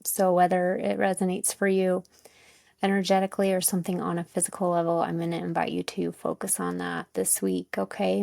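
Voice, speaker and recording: A woman giving a casual guided self-help talk as a coach, informal and tentative as she searches for words, with a creaky voice. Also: lowish voice, darkish tone, no room sound. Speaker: wellness coach and host.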